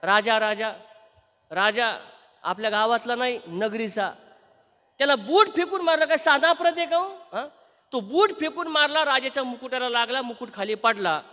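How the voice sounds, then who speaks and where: A male kirtan preacher sings devotional verses and tells a story, often putting questions to his audience. His voice is very high and bright. He is heard live through a PA in a reverberant hall. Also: moderate pace. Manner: rhetorical, quizzing the audience.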